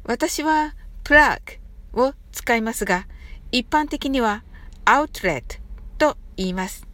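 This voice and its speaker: A woman hosting a solo audio English lesson, speaking politely and spelling words out slowly letter by letter. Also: a little high, expressive, fairly bright tone, no room sound. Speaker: English teacher and podcast host.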